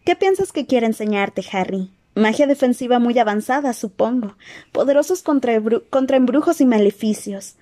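Una mujer que lee un audiolibro y pone la voz de una joven bruja lista e impaciente, aguda y apresurada. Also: female voice, fairly high pitch, expressive, warm tone, voice pushed up, natural voice. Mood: anxious. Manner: quick, anxious, insistent. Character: eager clever teenage witch girl. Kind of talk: audiobook character voice.

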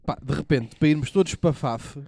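A man's voice: on the high side, a little fast, creaky, a little mellow, no room sound, clean studio sound. A man with a European Portuguese accent co-hosting a podcast, teasing and interrupting his friends in casual, sweary banter. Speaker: podcast co-host.

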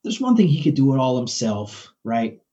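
A man's voice: medium pitch, big pitch swings, moderate pace, dark tone, dull audio. A man in his forties talking about faith in a casual conversation, enthusiastic and preacherly, often repeating words as he builds a point. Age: 40s.

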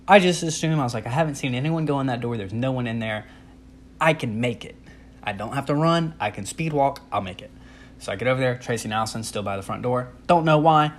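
A young man with a medium-pitched voice tells an amusing story from his own life in a casual, lively, self-mocking way, acting out how he reacted. Slight background noise is present.

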